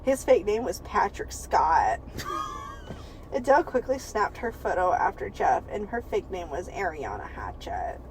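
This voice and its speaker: A woman's voice: mid-range voice, big pitch swings, a little slow, slight background noise, poor audio. A woman co-hosting a podcast, reading a book aloud for laughs, giggling often and swearing freely. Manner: giggly and profane, breaks into laughter while reading. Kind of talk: comedic read-aloud with banter.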